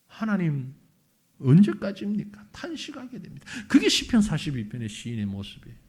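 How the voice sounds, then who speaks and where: A man's voice: mid-range voice, huge pitch swings, fast. A middle-aged male pastor preaching a sermon in a conversational way, asking his listeners questions and acting out the quotes.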